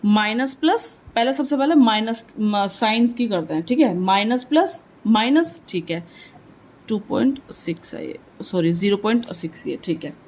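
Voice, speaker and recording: A woman with a fairly high voice teaching maths, talking herself through each calculation. She keeps asking little questions and answering them right away, dropping English words into her explanation. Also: lively intonation, normal speed, darkish tone, poor audio. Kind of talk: step-by-step maths lesson.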